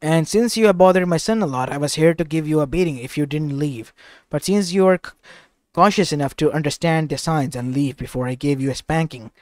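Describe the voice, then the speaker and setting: A man's voice: fairly high pitch, fairly quick, darkish tone, no echo, clean studio sound, natural voice. Man reading as a stern ancient goddess. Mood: stern amused.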